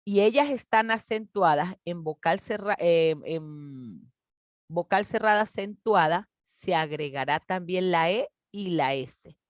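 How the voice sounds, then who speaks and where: A patient woman teacher walks young pupils through a grammar rule, drawing out each example word. Her voice sits on the low side for a woman. The recording is dry and close, with little room sound. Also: dry recording. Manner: patient, explanatory, addresses children warmly as "mis niños"; stretches out example words slowly. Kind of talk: grade-school grammar lesson.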